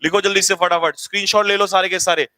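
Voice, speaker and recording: A man leads an online vocabulary class with brisk energy, spelling words letter by letter and repeating answers for his students. His voice sits high and sounds bright and forceful. The recording is dry and close, with no room sound. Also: fairly even intonation, dry recording. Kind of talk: live online lesson.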